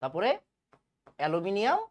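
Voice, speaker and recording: Lively teacher drilling a class. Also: male voice, sits high, fairly quick. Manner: drills by repetition, asks and answers his own questions. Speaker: chemistry teacher. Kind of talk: online exam-prep lecture.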